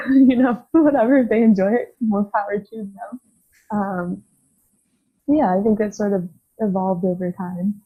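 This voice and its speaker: A woman's voice: mid-range voice, slightly rough. A woman in her twenties, a physical therapy student and podcast guest, talking frankly and thoughtfully in casual conversation, laughing easily. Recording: tinny phone-like line.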